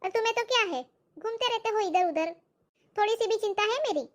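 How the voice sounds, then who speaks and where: A woman's voice: very high voice, expressive, brisk. A woman performing a comic skit, muttering exasperated, grumbling asides.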